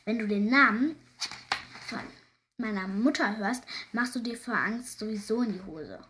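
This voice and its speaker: Storybook role: a bold little girl who never gives in, as a woman puts her on, bright and high. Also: expressive, normal speed, background noise, lightly acted. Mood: defiant. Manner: loud and stubborn. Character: defiant cheeky little girl. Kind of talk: storybook reading.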